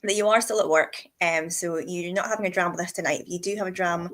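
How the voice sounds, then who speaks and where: A woman's voice: on the low side, steady tone, fast, a bit bright, a little hiss or hum. A woman with a Scottish accent, hosting a casual live chat in a chatty, enthusiastic way. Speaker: host.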